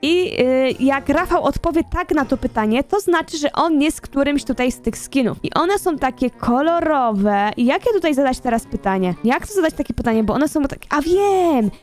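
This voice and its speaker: A young woman with a high, light voice talks her way through a video game, thinking aloud and chatting with her co-player. Soft music runs faintly underneath her casual commentary. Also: lively intonation, normal speed, hardly any pauses. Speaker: gaming YouTuber.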